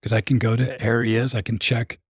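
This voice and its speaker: Raspy, hoarse male podcast co-host. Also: mid-range voice, level tone, a little fast, no room sound, studio quality. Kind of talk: casual podcast conversation.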